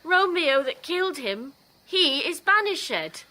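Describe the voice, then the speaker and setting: Very high, lamenting old nurse. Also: female voice, very animated, slow, sharp tone, heavily acted. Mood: grief-stricken. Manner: lamenting, repetitive, theatrical wailing. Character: distraught, wailing older female nurse, servant and confidante. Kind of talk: classical Shakespearean radio drama acting.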